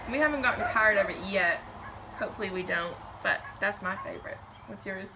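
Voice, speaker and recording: A woman chatting in a casual interview and talking fast in bursts. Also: medium pitch, heavy background noise.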